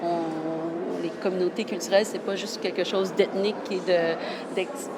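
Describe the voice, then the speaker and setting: This interview guest is a Quebec journalist in her thirties with a Québécois French accent, speaking earnestly and often restarting what she's saying. Her lowish voice is flat and moderately paced, heard through very noisy audio.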